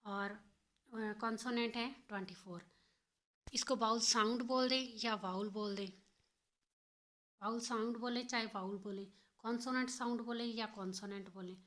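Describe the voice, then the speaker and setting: A woman's voice: fairly high pitch, a bit bright. A woman teaching an exam-prep phonetics lesson, repeating and rephrasing each point and switching between English and Hindi.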